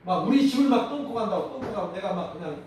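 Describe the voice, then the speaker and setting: A male pastor with a Jeolla accent preaching a sermon, animated and calling out questions to his congregation. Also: high-pitched, quick pace, noisy background. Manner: animated, calls for congregation responses. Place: church sanctuary. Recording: distant mic in echoey church hall.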